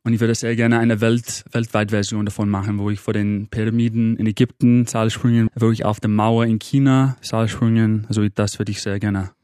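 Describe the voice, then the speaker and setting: A man in his thirties from England, with English as his first language, speaking German as a studio guest in an energetic, halting way, stopping to search for words. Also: on the low side, no echo. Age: 30s. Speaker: guest, motivational trainer. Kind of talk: interview answers. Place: radio studio.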